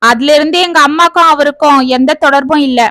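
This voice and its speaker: A woman's voice: high voice, a little fast, pushed and bright, no room sound, clean studio sound. A woman voicing a worried young man explaining his family situation earnestly.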